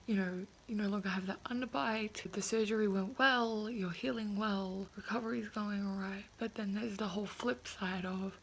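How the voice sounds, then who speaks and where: A woman's voice: mid-range voice, steady tone, moderate pace, hardly any pauses, a little hiss or hum, low-quality recording. A woman in her twenties talking with a sore, puffy jaw that slightly impedes her speech, in a casual, candid and hesitant video diary. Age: 20s. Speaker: vlogger.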